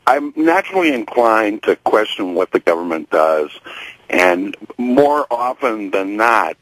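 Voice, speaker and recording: A man's voice: lowish voice, dry recording, low-quality recording. A man calling into a radio show, hesitant but insistent, correcting the guest point by point over the phone. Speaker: caller. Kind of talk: call-in argument.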